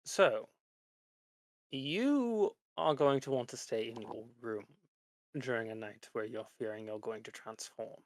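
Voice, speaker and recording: A masked lich professor for a tabletop roleplay acted out by a man. He explains things calmly and formally, in measured phrases at a middling pitch. The sound is close and dry. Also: no echo, lightly acted. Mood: instructive, reassuring. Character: lich professor in a metal mask, calm, instructive.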